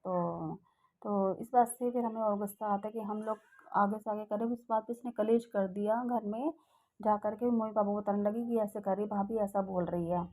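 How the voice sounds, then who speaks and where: Mellow-voiced woman telling a rambling testimony. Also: medium pitch, steady tone, normal speed, rough recording. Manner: rambling and heartfelt, many hesitations. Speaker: devotee sharing a testimony. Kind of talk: personal satsang testimony.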